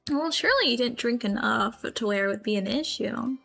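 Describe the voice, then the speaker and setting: High-voiced playful woman streamer. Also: expressive, a little fast, creaky, sharp tone, soft background music. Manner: playful, giggly, swings into silly voices. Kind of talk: casual chat with viewers. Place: grandmother's house.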